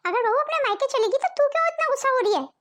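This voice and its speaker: A woman voicing a fair-minded, gentle mother-in-law in a family cartoon, talking patiently. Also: very high-pitched, animated, fast. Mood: reasoning.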